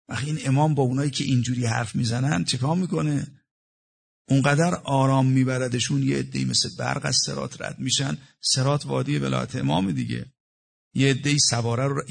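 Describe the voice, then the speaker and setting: A man preaching a religious sermon, quoting Arabic verses and explaining them in plain talk, sometimes dropping to a hush and sometimes raising his voice. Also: mid-range voice, gravelly, husky. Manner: explains Arabic verses in plain talk, shifting between hushed and raised delivery. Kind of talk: religious sermon with Quranic recitation.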